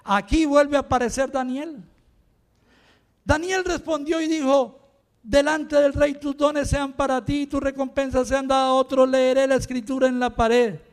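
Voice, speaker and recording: An older man from Rica, preaching an impassioned sermon that swings between quiet talk and shouting. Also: extremely high pitch, fairly even intonation, normal speed. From Costa Rica.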